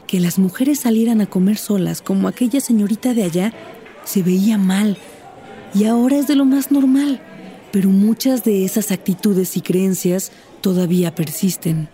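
A woman's voice: medium pitch, warm tone. A woman with a Mexican accent, talking earnestly and explaining in a scripted dialogue. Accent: Mexican Spanish. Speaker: character Patty in a teaching dialogue.

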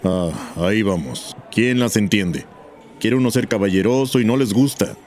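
A man's voice: lowish voice, normal speed, darkish tone, natural voice. A man playing a sulky, defensive boyfriend who talks sarcastically. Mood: sarcastic. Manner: sarcastic, aggrieved. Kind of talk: scripted dialogue scene.

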